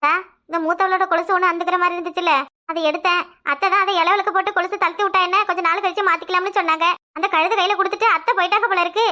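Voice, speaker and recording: A woman voicing a sharp-tongued village housewife who speaks bluntly, in a southern Tamil Nadu accent. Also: very high voice. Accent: southern Tamil Nadu dialect. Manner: blunt, quick explanations.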